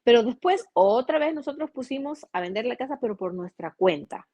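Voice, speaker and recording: A woman with an Ecuadorian accent, a journalist guest telling a personal story in a casual interview, earnest and animated, often restarting her sentences. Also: fairly high pitch, brisk, dry recording. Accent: Ecuadorian Spanish.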